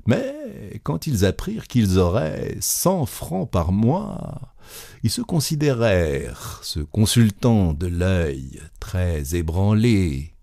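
A man reading a classic short story aloud with expressive, dramatic storytelling. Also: fairly low pitch, takes it slowly, gravelly, no room sound, studio quality. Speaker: narrator.

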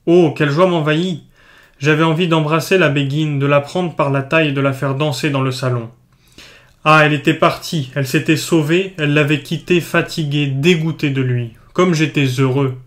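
A man narrating a literary story in a measured, lyrical reading. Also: on the high side, fairly even intonation, fairly bright tone.

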